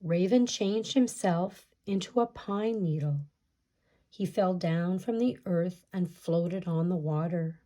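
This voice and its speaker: A woman storyteller reads a picture-book folktale aloud in a measured way, putting questions to her listeners. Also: on the low side, mellow.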